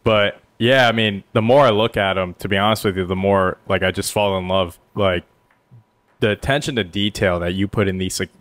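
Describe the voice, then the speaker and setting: Deep-voiced enthusiastic young man, dry. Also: fairly even intonation, normal speed, a bit bright, no room sound. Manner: enthusiastic, rambling. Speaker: podcast co-host. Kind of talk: casual chat. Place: small studio. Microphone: headset and studio mic.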